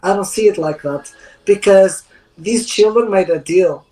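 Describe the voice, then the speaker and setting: A woman's voice: medium pitch, unhurried, dark tone, poor audio. A woman co-hosting a live spiritual question-and-answer show, talking in an earnest, rambling way with loose, non-native grammar. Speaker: co-host.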